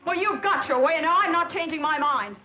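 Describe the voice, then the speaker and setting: An actress playing a proud, hurt young fiancée in a 1950s film, talking emotionally and at times shouting. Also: female voice, fairly high pitch, animated, normal speed, noisy background, close to an everyday voice. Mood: angry. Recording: dull old film soundtrack with music.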